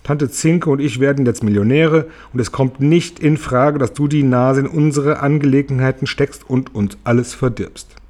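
A man voicing a greedy, cruel middle-aged aunt with a shrill, bossy voice in a storybook reading. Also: moderate pace, hardly any pauses, a little mellow, lightly acted. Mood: harsh scolding. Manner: shrieking, bossy barking.

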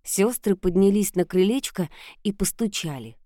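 A woman narrating an audiobook fairy tale in a calm, measured way. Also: mid-range voice, dry recording, clean studio sound.

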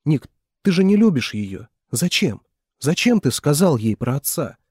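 A man voicing a guilty, earnest young man in love who pleads, with a husky voice. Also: on the high side, big pitch swings, measured pace, darkish tone, dry recording, studio quality, voice pushed up, heavily acted. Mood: pleading.

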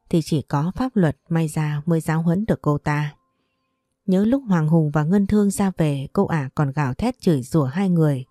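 Warm-voiced woman narrating a story. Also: deep voice, dry recording, clean studio sound.

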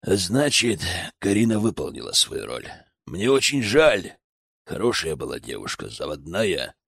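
A man voicing a steady, frank grown male ally in an audiobook, speaking in a low, calm tone. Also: moderate pace, no echo, studio quality. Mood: somber.

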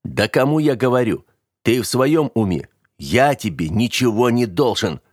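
A man's voice: mid-range voice, animated, moderate pace, darkish tone, no room sound, studio quality, pitched above the performer's own voice, lightly acted. A man reading an audiobook, voicing a prickly, mistrustful young man who snaps sarcastically. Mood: angry. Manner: snappy and sarcastic.

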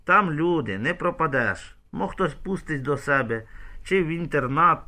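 A man's voice: fairly high pitch, expressive, moderate pace, bright, forceful tone. A man voicing a blunt, scheming village man who talks curtly and dismissively, in an audiobook. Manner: curt, dismissive.

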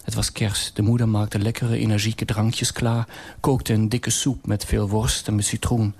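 A man's voice: on the low side, a little mellow, breathy edge. A man narrating a Christmas story on radio in a dry, ironic manner.

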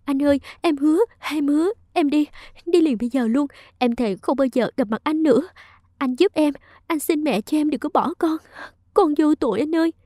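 A desperate young pregnant woman pleads through tears, her voice pushed high and thin, as a woman reads her part. The tone is soft and mellow in a dry, close recording. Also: moderate pace, no room sound, lightly acted. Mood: tearful pleading.

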